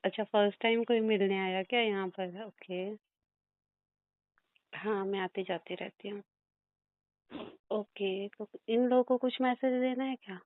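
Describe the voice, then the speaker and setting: A woman's voice: medium pitch, fairly even intonation, unhurried, long pauses, no echo, phone-quality sound. A woman giving a psychic reading, relaying messages, chatty and playful and laughing often. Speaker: psychic reader.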